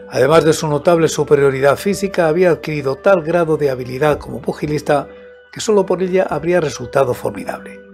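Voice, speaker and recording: An elderly man reads a scripted horror story into a close studio mic. His voice sits slightly high for a man, and his delivery is deliberate and measured. Music plays behind him. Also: darkish tone. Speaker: audiobook narrator and host of a horror story show. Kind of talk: scripted narration of a horror tale. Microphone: close studio microphone with headset monitoring. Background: background music.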